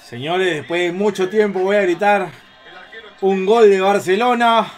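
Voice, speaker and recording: Male streamer in his thirties, high-pitched, casual and cursing, calls a match live and yells when goals go in. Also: unhurried. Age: 30s. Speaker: football reaction streamer. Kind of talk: live match reaction commentary.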